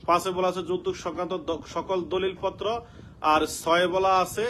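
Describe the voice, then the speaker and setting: A man's voice: high voice, little pitch movement, normal speed, a bit bright, slight background noise. A man with a Bangladeshi Bengali accent teaching an online law class from home, rattling off section numbers and checking in with his students.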